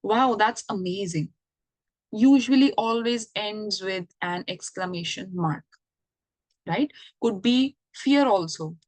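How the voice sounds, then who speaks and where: A woman's voice: mid-range voice, expressive, slow pace, a little mellow, no echo. A woman giving an online English grammar lesson, explaining patiently and checking in with the listener. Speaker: English teacher.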